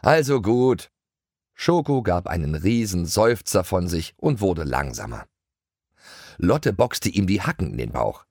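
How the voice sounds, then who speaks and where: A man reading a children's audiobook in a lively storytelling way, recorded close on a studio mic. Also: deep voice, measured pace, gravelly, husky, no room sound. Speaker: audiobook reader. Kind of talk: scripted children's audiobook narration.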